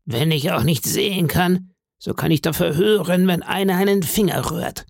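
A man voicing a menacing blind old sea beggar in an audiobook, speaking in a slow, eerie sing-song that sounds cruel and cold. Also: sits high, vocal fry, dry recording, clean studio sound, pitched above the performer's own voice. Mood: commanding. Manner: slow, drawn-out wheedling delivery.

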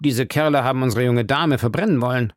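A man voicing an impatient, excitable young male servant in a storybook reading, blurting out his lines in a raised voice. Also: mid-range voice, fast, dry recording, clean studio sound, natural voice. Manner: blurting, agitated outbursts. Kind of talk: audiobook character voice.

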